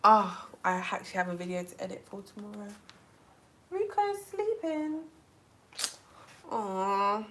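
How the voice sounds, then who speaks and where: Young woman from England, bright tone, rambling live-stream vlogger who says "like" a lot. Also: mid-range voice, unhurried, pauses often, a little hiss or hum. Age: 20s. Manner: chatty, says "like" constantly, animated. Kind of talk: casual live-stream chat.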